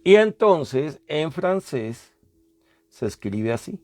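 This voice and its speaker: Teaching the history of language, this man takes things slowly, walking through each step, repeating sounds and quizzing the class. His fairly high, very animated voice is a little mellow, with faint music behind him.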